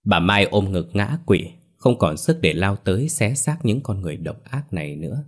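A man narrating a ghost story in a steady, dramatic way. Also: on the low side, moderate pace.

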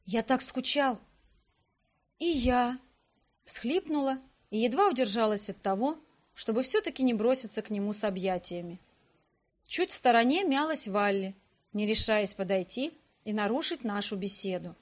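A woman narrating a first-person fantasy audiobook with expressive, lively reading. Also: mid-range voice, moderate pace.

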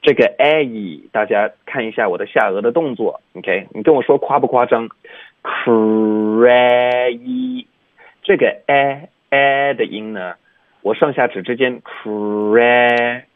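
A man's voice: mid-range voice, brisk, breathy edge, dry recording. Man teaching pronunciation over a tinny line. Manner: explains patiently, demonstrating English sounds with exaggerated articulation. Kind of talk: radio language lesson. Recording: dry, tinny phone-like sound.

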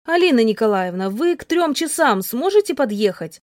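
A middle-aged woman doctor speaks on the phone in a brisk, reassuring manner, voiced by a woman reading a story. Her voice sits fairly high. The recording is close and dry, with no room sound. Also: big pitch swings, a little mellow, no room sound.

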